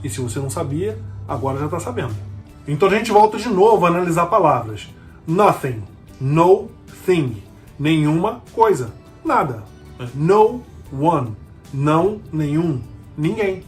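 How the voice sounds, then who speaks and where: High-voiced man teaching patiently. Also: very animated, faint music behind. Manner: patient, repeats key words slowly, asks checking questions. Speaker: English teacher. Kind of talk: explanatory language lesson.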